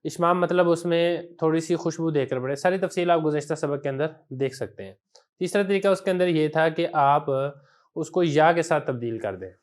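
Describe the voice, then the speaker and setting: Man teaching slowly, high clear voice. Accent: Pakistani Urdu. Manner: patient, spells out word forms slowly one by one. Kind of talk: classroom grammar lesson.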